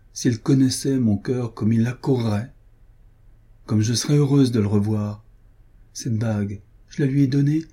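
A man's voice: mid-range voice, mellow, husky, close to an everyday voice. A man reading the part of a devout, tender young duchess, in a plaintive inward monologue from a storybook.

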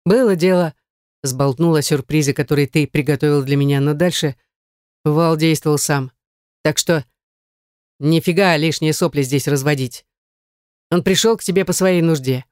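A woman's voice: low-pitched, moderate pace, long pauses, a little mellow, dry recording, studio quality, close to an everyday voice. Woman voicing an icy, contemptuous young thug. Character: cold menacing young male ex-boyfriend.

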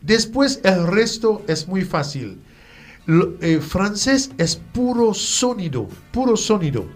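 A man teaching French pronunciation in a lesson, repeating and spelling out words slowly for the listener. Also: high-pitched, big pitch swings, soft background music. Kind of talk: language lesson.

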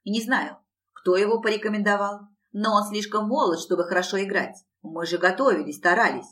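A woman's voice: medium pitch, fairly quick, a bit bright, lightly acted. A woman voicing a fat red-haired male bandleader who pleads and blusters. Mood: pleading.

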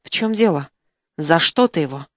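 A woman's voice: low voice, animated, moderate pace, dry recording, studio quality, voice pushed down. A woman reading an audiobook, voicing a stern male activist who speaks in a curt, reproachful way. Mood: indignant. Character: stern male activist, proud and quick to anger.

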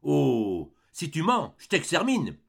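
A man barking as a gruff old showman. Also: fairly high pitch, wildly swooping pitch, slow pace, pitched above the performer's own voice, heavily acted. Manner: barking, shouting commands. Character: gruff older male showman, brusque and scolding.

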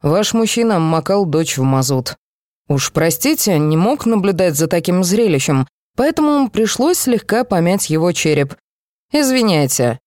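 A woman's voice: on the low side, very animated, normal speed, darkish tone, dry recording, clean studio sound. A woman reading the lines of a blunt, sarcastic young man who teases everyone around him. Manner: sarcastic, teasing.

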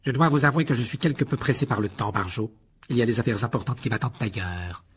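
A man's voice: mid-range voice, fast talker, slight background noise, lightly acted. A man reading an audiobook, voicing a cold, haughty aristocratic wizard father who speaks in a clipped, condescending way.

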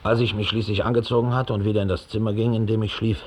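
In a 1960 studio radio play, an actor speaks fast in a lowish, flat, slightly rough voice as a big, slovenly, resentful middle-aged Nazi operative. He delivers a monologue in the form of a police statement, full of contempt and self-importance.

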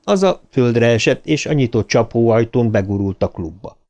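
A man reading an audiobook aloud in an expressive, dramatic narration style. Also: mid-range voice.

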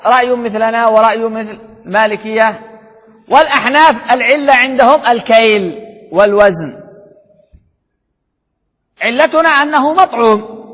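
A man's voice: extremely high pitch, fairly bright tone, husky. A man teaching Islamic jurisprudence in a classroom lecture, who asks rhetorical questions, answers them himself and repeats key points. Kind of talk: classroom lecture explaining a text. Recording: hall reverb.

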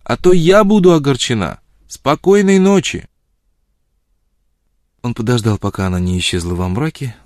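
A man reads an audiobook in a measured, steady way. His voice is low, and the close-miked recording is dry, with no room sound. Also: no echo. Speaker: audiobook narrator. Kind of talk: scripted narration.

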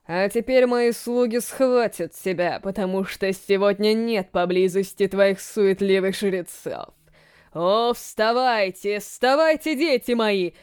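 Woman narrator voicing a sinister male spirit, distant faraway voice, slow, drawn-out, commanding, dry sound. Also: mid-range voice, a little mellow, clear, resonant tone, no echo. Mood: menacing. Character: sinister male spirit speaking through a risen corpse. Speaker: audiobook narrator. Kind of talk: scripted audiobook narration.

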